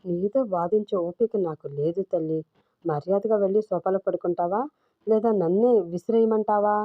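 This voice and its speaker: A woman's voice: fairly low pitch, moderate pace, no echo, narrow, tinny audio, natural voice. Woman voicing a short-tempered young husband. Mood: angry. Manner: gruff, scolding.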